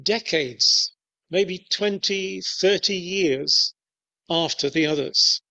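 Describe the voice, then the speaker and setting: A man preaching a sermon in a measured, deliberate way with pauses. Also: high voice, vocal fry, sharp tone. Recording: dull lo-fi recording.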